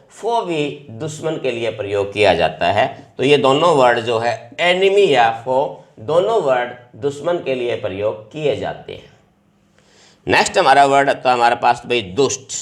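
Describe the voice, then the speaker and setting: Guy teaching english vocab, says each word twice and quizzes, mid pitch, echoey room. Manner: repeats each English word with rising emphasis, quizzing students. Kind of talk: vocabulary lesson.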